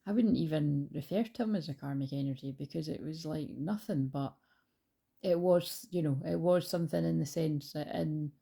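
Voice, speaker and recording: At home, her dog close by, a spiritual-channel host talks casually to camera through a handheld phone at a moderate pace. Her deep voice is creaky and warm with a breathy edge, and she rambles, filling the talk with fillers and restarts.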